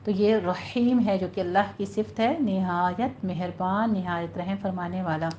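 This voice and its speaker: A woman's voice: on the low side, warm tone. Female tajweed teacher, Pakistani Urdu accent, patient step-by-step delivery, muffled lo-fi sound with a faint hiss. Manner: patient, explains each sound step by step, models recitation slowly. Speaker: Quran recitation teacher. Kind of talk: recorded tajweed lesson.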